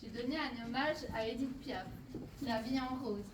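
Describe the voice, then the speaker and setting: With a noisy background and a voice on the high side, a painter from Portugal walks visitors through her exhibition at normal speed, presenting her artworks. She hesitates often, using many fillers and restarts, and the roomy hall puts her far from the mic.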